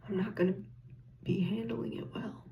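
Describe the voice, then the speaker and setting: A person gives an encouraging, reassuring ASMR pep talk in a soft, breathy whisper, speaking gently in short, paused phrases. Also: medium pitch, steady tone, distant mic, highs cut off, a little hiss or hum. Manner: slow, gentle, pausing between short phrases. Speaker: ASMR content creator.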